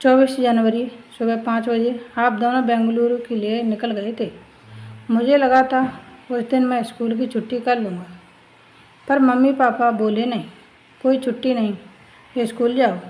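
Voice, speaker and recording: A tearful schoolboy begging for help, pleading and choked up, in a family storybook tale, as a woman narrator puts him on, on a fairly high pitch. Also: fairly even intonation, a little slow, a little mellow, lightly acted, low-quality recording.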